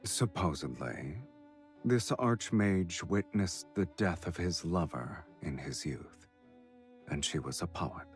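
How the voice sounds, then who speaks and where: A suave male fiend nobleman mocks and charms in a very deep, unhurried voice. His pitch swoops widely as he teases. Soft game music plays behind him. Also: lively intonation. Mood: teasing. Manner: smooth, mocking, unhurried.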